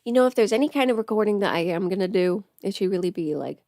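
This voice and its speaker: Talking fast and expressively, a woman with a medium-pitched, slightly mellow voice comes across in studio quality without echo. She's an audio creator hosting a casual, rambling livestream from home while sick with covid, often thinking aloud and stopping herself mid-sentence.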